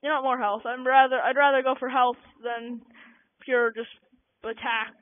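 A young-sounding gaming channel host giving casual, rambling let's-play commentary with many fillers, recorded on a cheap low-quality microphone. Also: level tone, normal speed, no room sound. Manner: rambling, self-conscious, lots of fillers. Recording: tinny lo-fi cheap mic.

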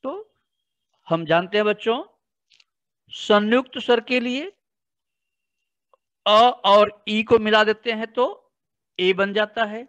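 A teacher giving a grammar lesson to children, explaining slowly and deliberately and often speaking to the class directly. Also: medium pitch, a bit bright, no echo. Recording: dull, slightly lo-fi, dry recording.

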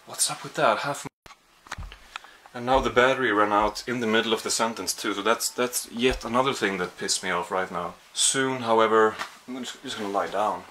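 A young Swedish man vlogs casually from his small apartment, holding the camera at arm's length as he rambles and pokes fun at himself. His voice sits on the low side, moving at a moderate pace with a pushed, bright quality. A little hiss or hum runs underneath.

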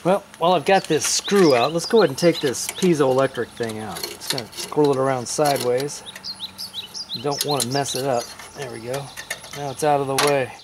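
Working with his hands in a yard, a DIY video host in his forties talks through a casual how-to demonstration in a folksy, chatty style. He has a mid-range voice and a moderate pace, and the recording picks up outdoor hiss, birdsong, and general outdoor ambience.

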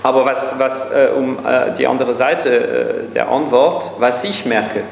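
Older man, echoey hall, animated. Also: medium pitch, measured pace, vocal fry. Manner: animated, gesturing widely, thinking aloud with many fillers. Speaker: guest speaker. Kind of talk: panel discussion answer. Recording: echoey hall with faint hum.

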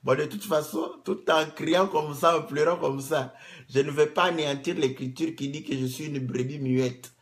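A man preaching a sermon, rising to loud emphatic peaks, acting out cries of pain and asking the congregation rhetorical questions. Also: a little high, steady tone, normal speed. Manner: acts out cries of pain to make a point; asks the audience rhetorical questions.

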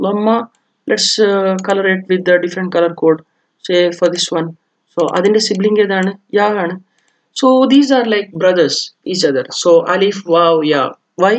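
Slow, patient teacher. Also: male voice, sits high. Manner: explains step by step, many fillers and self-corrections. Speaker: Arabic grammar teacher. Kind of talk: lesson mixing two languages.

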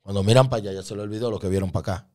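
A man as an interview guest, telling a story in animated conversational style with street slang and English words mixed in, checking often that the listener follows. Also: lowish voice, rapid-fire.

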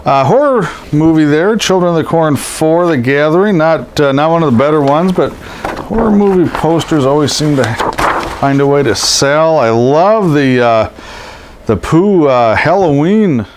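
This middle-aged man's voice is a little high, with lively intonation and a somewhat slow pace, and it sounds scratchy and congested from a cold. As a collectibles seller, he narrates a loose show-and-tell indoors over boxes of posters. Filler words like um and uh fill his rambling chat.

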